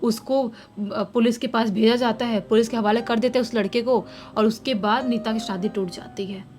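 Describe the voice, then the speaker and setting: High-voiced woman telling a horror story. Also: normal speed. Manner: lively, acts out shouted quotes. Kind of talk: casual horror story retelling. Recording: faint music underneath.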